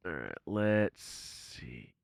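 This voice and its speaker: A man's voice: very deep voice, sing-song, very slow, vocal fry, no echo, studio quality. A man streaming a game and chatting casually, joking and exclaiming often. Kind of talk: casual gaming stream chat.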